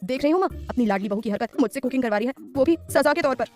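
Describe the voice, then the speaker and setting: A proud, grumbling young husband, a business tycoon who mutters complaints to himself, as a woman reads him. His lines come fast and a little raised in a spoken story. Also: sits high, animated, darkish tone, soft background music. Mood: complaining.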